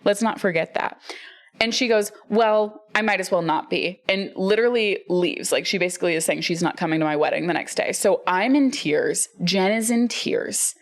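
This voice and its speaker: A woman's voice: lowish voice, moderate pace. A woman in her thirties co-hosting a podcast, telling a personal story with swearing, emphasis and frequent laughter. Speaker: podcast co-host. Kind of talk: casual chat.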